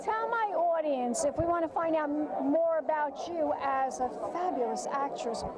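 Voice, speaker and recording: An effusive, showy woman interviews guests on location in a high voice. A loud crowd and heavy noise surround her. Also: normal speed. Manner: effusive, showy, calls people darling. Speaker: interviewer and show host. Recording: very noisy, crowded event location. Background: loud crowd chatter.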